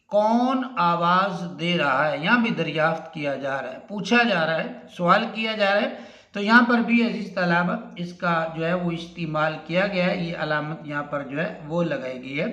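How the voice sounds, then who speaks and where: A man gives a grammar lesson in a high, bright voice. He explains slowly and goes back over each point with the same filler phrases. The sound carries noticeable room echo. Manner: repetitive explaining, filler phrases, addresses students often. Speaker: Urdu teacher.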